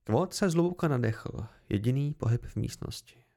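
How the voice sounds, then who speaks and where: A man narrating a novel as an amateur audiobook reading, in a low, measured way. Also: lively intonation, vocal fry, mellow.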